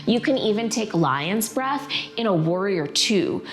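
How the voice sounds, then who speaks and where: A woman's voice: mid-range voice, animated, measured pace. Woman guiding prenatal yoga, music behind. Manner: informal, encouraging, playful. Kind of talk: casual guided yoga instruction.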